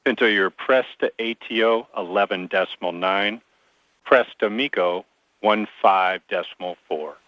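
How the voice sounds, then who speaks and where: A man's voice: lowish voice, unhurried, dry recording. A man working as capsule communicator at mission control, giving clipped procedural callouts over a radio communicator link. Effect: radio transmission, like a communicator link. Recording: dry, dull lo-fi radio channel.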